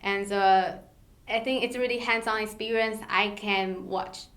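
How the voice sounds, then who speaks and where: A woman from Taiwan, speaking as a startup co-founder guest in an interview, in a measured, halting way. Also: medium pitch, steady tone, a bit bright, reverberant. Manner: measured, halting non-native phrasing with fillers. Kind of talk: interview conversation.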